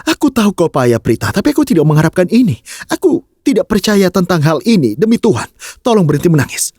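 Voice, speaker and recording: A man's voice: high-pitched, very animated, fast, darkish tone, no room sound, clean studio sound. An actor dubbing a hot-headed young husband who scolds and pleads with his wife in a TV drama. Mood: scolding. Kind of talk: dubbed TV drama.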